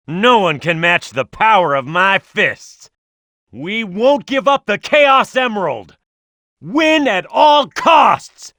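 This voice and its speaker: Knuckles, brash cartoon fighter with dynamic pitch. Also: male voice, pushed and bright, dry recording, clean studio sound, heavily acted. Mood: cocky defiance, then pumped up. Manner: brash, punchy, confident. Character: tough, cocky, hot-headed young male cartoon echidna fighter. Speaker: playable video game character. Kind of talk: video game voice lines.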